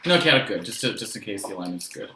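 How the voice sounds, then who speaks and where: A man's voice: on the low side, lively intonation, fast. A man joining a tabletop game as a new player, hesitant and thinking aloud as he chooses his character. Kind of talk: casual tabletop game chat. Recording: echoey room with clear background noise.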